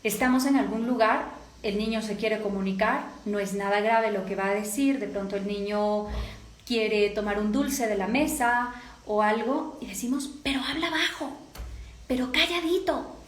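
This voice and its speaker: Speaking at medium pitch with fairly even intonation and a moderate pace, a voice coach with a Latin American Spanish accent delivers a course lecture. The room echoes, and she works through the material step by step, regularly checking comprehension.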